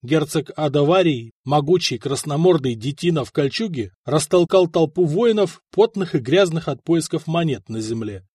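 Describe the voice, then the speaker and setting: A man reads a historical adventure aloud, shaping each sentence with dramatic color. His voice sits fairly high for a man and moves a lot in pitch. The sound is close and dry. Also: moderate pace, few pauses, slightly rough, no room sound. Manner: expressive, dramatic storytelling. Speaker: narrator. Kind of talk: audiobook narration of historical fiction.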